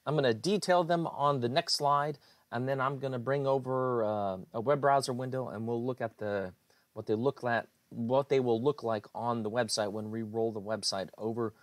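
A man's voice: medium pitch, fairly even intonation, moderate pace, no echo. A man, an IT director, explains website changes in a screencast walkthrough, speaking plainly with frequent fillers. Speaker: IT director presenting website updates.

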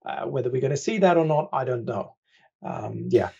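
Man, podcast guest expert, dry sarcastic humor, mellow tone, dull remote audio. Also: mid-range voice, animated, normal speed, creaky, husky. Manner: dry sarcastic humor, frequent "right?" tags. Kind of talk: conversational podcast interview.

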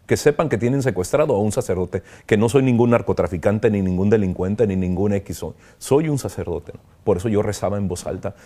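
Low, mellow-voiced priest. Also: male voice. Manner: earnest, halting, reflective, with frequent "¿no?". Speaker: priest, kidnapping survivor interviewee. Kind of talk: emotional interview testimony.

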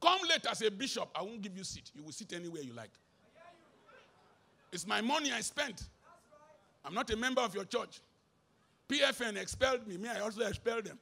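A Nigerian man preaching with a very high, bright, sharp voice and a gravelly edge. His delivery leaps from shouts to low mutters, with pidgin mixed in. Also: animated, fairly quick, long pauses. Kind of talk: sermon. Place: live concert stage.

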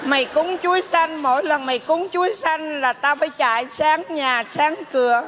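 A man putting on a nagging high-voiced mother. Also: a little hiss or hum. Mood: scolding. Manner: nagging, slow, scolding. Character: scolding middle-aged mother visiting her son. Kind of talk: stage comedy sketch. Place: theater stage.

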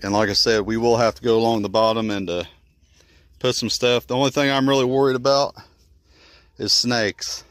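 The recording sounds clean, like a studio, with no echo, though the man, a homesteader in his thirties, is outdoors in a wooded yard by a chicken coop, filming on a handheld phone. His medium-pitched voice moves little in pitch and runs at normal speed as he casually and folksily shows his chicken run build in a how-to vlog.

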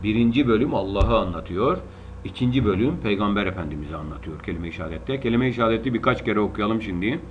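A man's voice: on the low side, animated, fast talker. A man with a Turkish accent teaching Quran reading, patiently drawing out syllables and drilling them again and again. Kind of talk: slow spelling-out lesson. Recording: dull lo-fi recording with faint hiss.

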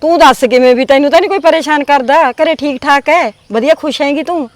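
An older woman with a Punjabi accent playing an aunt in a village family drama, speaking gently and evasively. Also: high voice, fast, dry recording.

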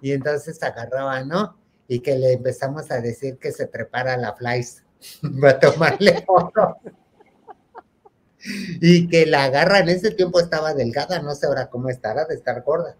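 A man's voice: a little high, moderate pace. A man with a Mexican accent hosting a show, telling a comic gossipy party story and addressing listeners as sisters. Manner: acts out friends' voices in quotes. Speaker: host.

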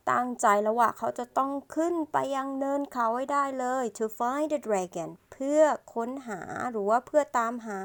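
A woman's voice: a little high, creaky. A woman, reading an English storybook aloud line by line and patiently explaining each part as a teacher. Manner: slow, patient, ends phrases with polite particles.

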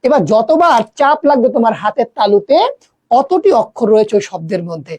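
A woman's voice: a little high, very animated, fairly quick, warm tone, dry recording. A woman teaching an exam-prep grammar lesson, often quizzing her students with questions she then answers herself.

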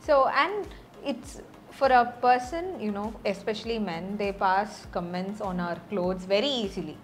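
A woman's voice: mid-range voice, lively intonation, moderate pace, a little hiss or hum. A woman asking casual questions as an interviewer. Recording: background music under the talk.

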